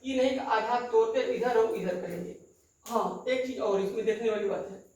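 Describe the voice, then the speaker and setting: A man teaching English grammar in a classroom lecture. He repeats key terms and keeps checking that students follow with quick questions. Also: high-pitched, a little mellow. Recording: very echoey room, voice far from the mic.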